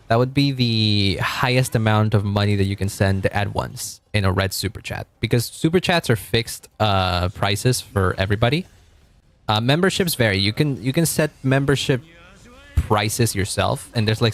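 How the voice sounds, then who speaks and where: Reading chat on a casual stream, a deep-voiced man from Argentina rambles, corrects himself and chuckles along the way.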